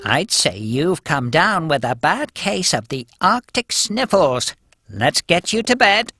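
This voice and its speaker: A caring, calm penguin, voiced by a woman. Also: deep voice, slow, slightly rough, dry recording, clean studio sound, full character voice. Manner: soothing, caring. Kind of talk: children's cartoon voice acting. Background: music.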